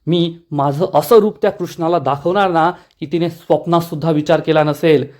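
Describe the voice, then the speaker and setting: A man's voice: on the high side, steady tone, moderate pace, a little mellow, close to an everyday voice. A man voicing a scheming, ruthless middle-aged village matriarch who talks defiantly. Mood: scheming defiance. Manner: defiant, threatening.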